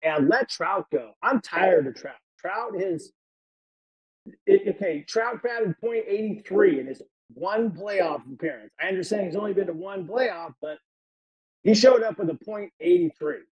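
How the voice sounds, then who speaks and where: A man on a sports podcast panel ranting in an exasperated way, with halting restarts. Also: sits high, lively intonation, husky, muffled recording. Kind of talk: casual sports podcast rant.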